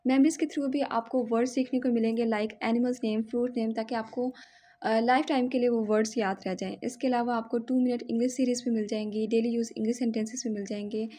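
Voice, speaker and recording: A woman teaching a casual vocabulary lesson in a somewhat high voice. She explains patiently and keeps pausing to check in with the viewer. She repeats each word carefully so it can be copied. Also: steady tone, dark tone. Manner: patient, often checks in with "theek hai?"; repeats words slowly to model pronunciation. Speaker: language teacher and channel host.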